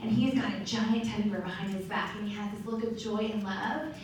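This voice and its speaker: A woman gives a lively, chatty motivational talk to a room of sales directors. She sits at a middle pitch and is picked up by a distant mic. The hall around her is very echoey, with a faint hum of noise underneath. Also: a little fast. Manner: lively, chatty, acts out quoted voices.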